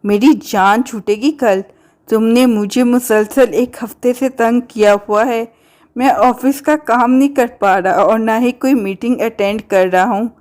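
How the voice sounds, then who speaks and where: A woman's voice: fairly high pitch, fairly even intonation, darkish tone, close to an everyday voice. Woman doing a grumbling, exasperated father. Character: busy father, teasing and exasperated.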